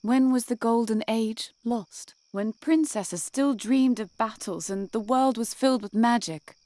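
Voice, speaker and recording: A woman's voice: fairly high pitch, unhurried, dark tone, dry recording, lightly acted. An actress playing a restless, dreamy young woman guard who speaks in an earnest, wistful way. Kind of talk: game voice acting.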